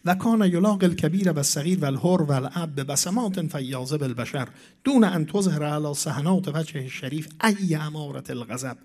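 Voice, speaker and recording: A man giving a sermon, reciting scripture in a measured way and swinging between loud declaiming and hushed asides. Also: fairly high pitch, expressive. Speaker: preacher.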